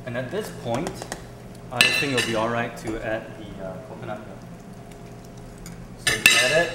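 Cooking in a big indoor kitchen, this young male host from Singapore talks in a casual, halting way, filling gaps with plenty of ums, while a camera films from a distance. He sounds animated, with a mid-range voice at a moderate pace. Heavy background noise and reverb fill the recording.

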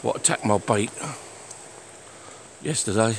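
A plain-spoken man with a lowish voice talks unhurriedly while walking by a lake. He is recorded outdoors on a handheld phone camera, with faint outdoor noise behind him. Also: a little slow, rough recording. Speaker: angler filming his fishing trip. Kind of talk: casual walk-and-talk vlog.

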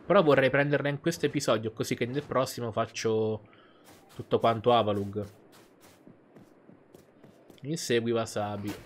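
A man's voice: medium pitch, fairly even intonation, normal speed, pauses often, slight background noise. A man giving casual let's play commentary, thinking aloud and reacting as he plays. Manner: chatty, thinking aloud, exclamatory. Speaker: gaming YouTuber. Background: faint game music.

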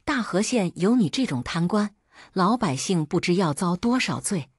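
A woman's voice: on the low side, big pitch swings, normal speed, breathy edge, no echo, studio quality. A woman voicing a stern male magistrate who hands down judgments in a commanding, lecturing way.

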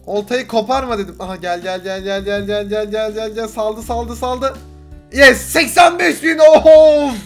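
Excitable high-voiced gaming commentator, a man. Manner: excitable, swearing, coaxing the game fish. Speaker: gaming YouTuber. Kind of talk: casual gameplay commentary.

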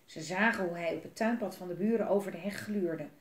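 Woman, storyteller, children's book read aloud, gentle, expressive, echoey room. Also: on the low side, brisk. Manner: gentle, expressive, with asides to young listeners. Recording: roomy echo.

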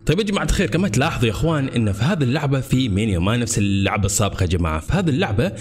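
A man hosting a horror game playthrough, jumpy and excitable with nervous outbursts. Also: medium pitch, very fast. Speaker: gaming channel host.

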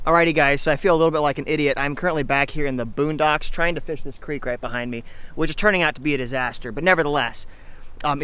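Excitable young man fishing outdoors. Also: a little high, clear, resonant tone. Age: young adult. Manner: animated, exclaims often. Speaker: fishing vlogger. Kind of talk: excited outdoor vlog commentary. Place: outdoors by a river and creek. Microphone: action camera on the body and at arm's length. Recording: faint outdoor noise from an action camera.

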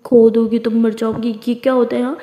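A woman's voice: on the high side, flat delivery, a little fast, warm tone, pitched below the performer's own voice, natural voice. A woman voicing a young college woman full of guilt, questioning herself anxiously and mixing English words into her talk. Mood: teasing. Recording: echoey room with long reverb.

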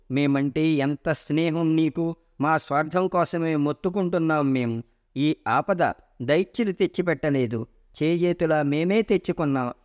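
Mourning male gods in a myth retelling, their lament desperate and pleading, rising on a fairly high voice, as a male narrator reads them. They call out helplessly to their lost lord. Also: lightly acted.

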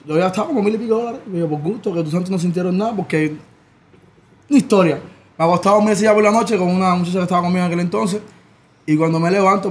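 Fast-talking Cuban man telling stories. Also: sits high. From Cuba. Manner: animated, rapid storytelling. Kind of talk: casual storytelling.

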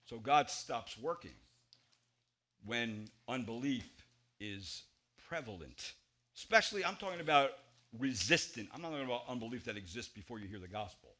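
Emphatic pastor preaching from the pulpit. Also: male voice, big pitch swings, moderate pace, a little hiss or hum. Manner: emphatic, gesturing widely, swings between loud stresses and quiet low drops. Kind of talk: expository sermon. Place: church sanctuary at a pulpit.

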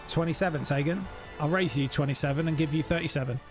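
A man's voice: fairly high pitch, fast talker, over music. Upbeat man greeting his stream. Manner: jokey, greets chatters by name, swears. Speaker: livestreamer. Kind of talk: casual gaming stream chat.

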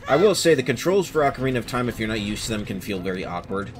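A man hosting a video game let's play, chatting casually and thinking out loud as he plays. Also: medium pitch, animated, fast, a crowd in the background. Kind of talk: casual gameplay commentary. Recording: game music playing behind.

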